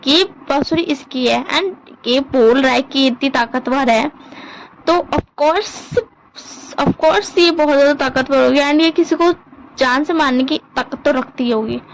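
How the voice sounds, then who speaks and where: A teasing, easily offended young man who whines and overreacts, as a woman puts him on. His voice sits high and his complaints come out dramatic and petulant. He is a figure told in a spoken story. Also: unhurried, a little hiss or hum, poor audio. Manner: whiny, dramatic.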